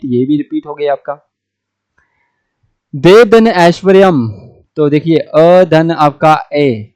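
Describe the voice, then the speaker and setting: His fairly high, darkish voice carries a North Indian Hindi accent as he explains grammar on the blackboard. He breaks every example into steps and keeps asking himself rhetorical questions along the way.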